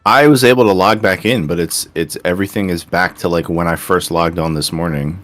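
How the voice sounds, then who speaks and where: Deep-voiced, frustrated male gamer. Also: fairly quick, a bit bright, soft background music. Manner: frustrated, swearing complaints. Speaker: co-player on stream. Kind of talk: casual gaming chat.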